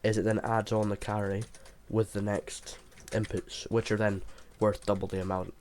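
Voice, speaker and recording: A man's voice: lowish voice, little pitch movement, moderate pace, darkish tone. A man who sounds unwell, giving an informal, hesitant gameplay tutorial as he thinks aloud. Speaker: video creator explaining a game build. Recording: clear background noise, mouse and keyboard clicks.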